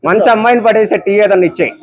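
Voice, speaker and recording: A man bantering and teasing people at a tea stall, joking and exclaiming loudly. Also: sits high, very fast, no room sound. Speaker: vlogger. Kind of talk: playful street banter.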